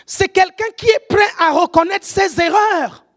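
A woman preacher with an African French accent, delivering an animated sermon, often shouting and keeping the congregation with her. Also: very high-pitched, unhurried.

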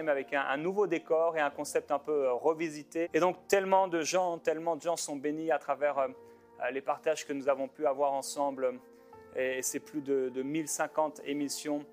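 Pastor guy talking to his viewers, fervent, lots of euh and restarts, faint music behind. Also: on the high side. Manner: fervent, rambling, with many filler pauses and restarts. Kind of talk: informal ministry talk to viewers.

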